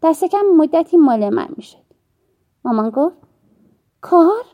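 A woman narrating an audiobook in a measured storytelling manner with soft, hushed dips. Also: high voice, lively intonation, muffled recording.

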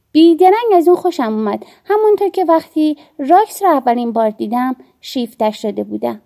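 A woman narrating an audiobook in a measured storytelling manner with soft, hushed dips. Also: sits high.

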